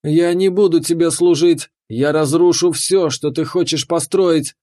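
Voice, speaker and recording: A man's voice: fairly high pitch, fairly even intonation, moderate pace, darkish tone, dry recording, studio quality, voice pushed up, lightly acted. A man voicing a young female fire fairy princess who cries out in desperate, tearful outbursts. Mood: defiant. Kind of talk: audiobook character voice.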